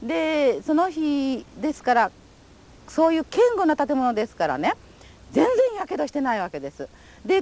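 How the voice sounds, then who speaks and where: Lively older woman giving formal testimony. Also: high-pitched. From Japan. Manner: polite, formal, vivid storytelling. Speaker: atomic bomb survivor giving testimony. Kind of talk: recorded testimony interview.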